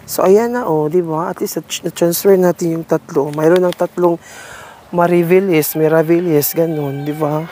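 A man's voice: on the high side, steady tone, normal speed, dark tone, slight background noise. Chatty man touring his garden. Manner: chatty and rambling, calls viewers darling. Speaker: gardening vlogger. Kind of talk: casual garden tour vlog. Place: home garden, partly outdoors.

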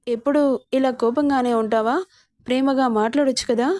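A woman's voice: sits high, fairly even intonation, a little fast, darkish tone, no echo, natural voice. A woman voicing a young wife who coaxes and sulks at her husband in a storybook romance, in a dry, close recording. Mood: pleading. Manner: coaxing, sulky pleading. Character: young wife, pleading and teasing.

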